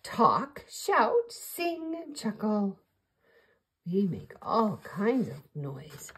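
An older woman reading a picture book aloud for children at storytime, playfully imitating animal sounds in high squeaks and chirps. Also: big pitch swings, extremely slow, husky.

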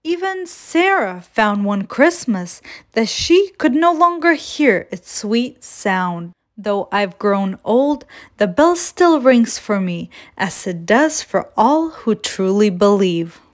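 A woman reading a picture book to children in a gentle, expressive way. She takes it very slowly, with a voice of ordinary middle pitch. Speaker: children's storyteller.

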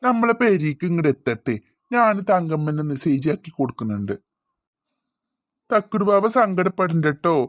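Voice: medium pitch, very animated, moderate pace, no echo, clean studio sound, lightly acted. Someone voicing a doting cartoon dad. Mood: soothing. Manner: coaxing, soothing. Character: doting father, gentle and protective.

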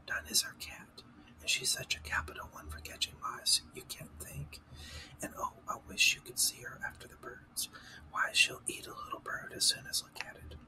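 A man's voice: extremely high pitch, lively intonation, moderate pace, low-quality recording. A man whispering the lines of a polite, eager young girl in a storybook reading.

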